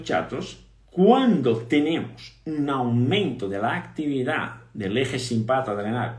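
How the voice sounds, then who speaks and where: A man teaching a live online physiotherapy lesson, animated, repeating key points and quizzing his audience. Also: medium pitch, roomy sound.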